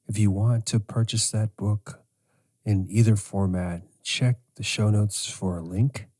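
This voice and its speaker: A middle-aged man hosting a podcast as a sleep coach, speaking in a slow, measured way. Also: on the low side, steady tone, warm tone. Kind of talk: scripted podcast monologue.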